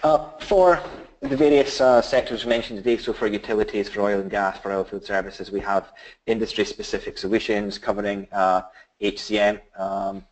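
A middle-aged Scottish man with a deep voice presents a business webinar. His delivery is halting, full of fillers and restarts, and the recording is rough.

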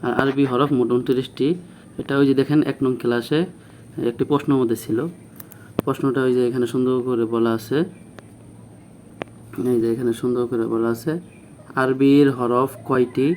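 A man teaching a beginner Arabic lesson, patiently repeating phrases and sounding out each letter slowly. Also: medium pitch, flat delivery, darkish tone, slight background noise. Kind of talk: classroom lesson.

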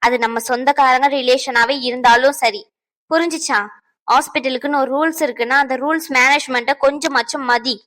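A woman's voice: a little high, steady tone, fairly quick, natural voice, low-quality recording. A woman voicing a firm female doctor in a cartoon dub who lectures on hospital rules. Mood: stern. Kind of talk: cartoon dubbing.

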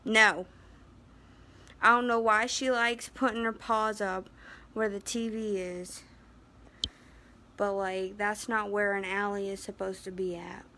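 A woman's voice: medium pitch, flat delivery, takes it slowly, pauses often, sharp tone. An American woman vlogging casually at home with a handheld phone, talking about her dog and scolding it now and then. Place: inside a house. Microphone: handheld phone camera.

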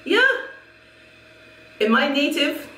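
Her high voice swings widely in pitch, pushed and bright, and she takes her time. She's a middle-aged Jamaican hair vlogger casually reviewing a wig indoors in a small room at home, laughing frequently and repeating herself. The mic is far away and a little off, the room echoes, and there's slight background noise.

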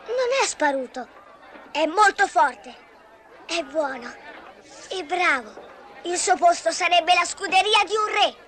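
A woman's voice: very high voice, lively intonation, slow pace, pauses often, fairly bright tone, a little hiss or hum, heavily acted. A woman playing an earnest, kind young boy in a cartoon dub, protective and pleading. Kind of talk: cartoon dubbing. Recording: faint music and crowd behind.

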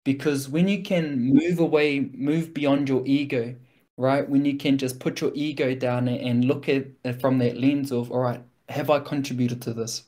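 Speaking with a broad Kiwi accent, this man offers a reflective motivational talk in a casual, earnest and informal way. His voice is medium in pitch, steady and a little mellow at a moderate pace, peppered with slang and frequent check-in questions like "right?".

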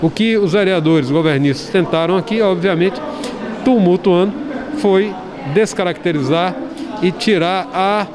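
Middle-aged guy on the council, insistent and repetitive, slightly high voice, people chattering around him. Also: unhurried, a crowd in the background. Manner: firm, insistent, repeats phrases for emphasis. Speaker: city councilman on an inquiry committee. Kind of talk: press interview. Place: council chamber, indoors. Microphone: handheld reporter mic.

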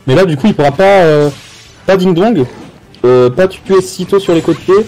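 Man esports caster, dark mellow voice. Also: high voice, moderate pace, low-quality recording. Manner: slangy, reactive, informal. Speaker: esports commentator. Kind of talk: esports caster, casual live play-by-play commentary. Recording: faint music behind voice.

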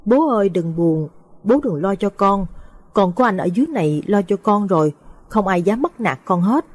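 A woman's voice: mid-range voice, lively intonation, normal speed, close to an everyday voice. A woman voicing the ghost of a small boy who died, speaking in a tearful, pleading child's voice in an audio story. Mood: comforting. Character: dead little boy's ghost, grieving and pleading.

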